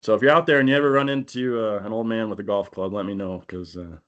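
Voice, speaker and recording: A man hosting a podcast, telling a hunting story in a casual, animated way and laughing often. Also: on the low side, quick pace, lo-fi sound. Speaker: podcast host.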